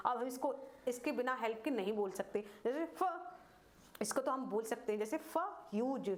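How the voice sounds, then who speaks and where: Slow-spelling Hindi teacher woman. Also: fairly high pitch. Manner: slow, repeats words and asks questions to the viewer. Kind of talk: classroom-style grammar lesson.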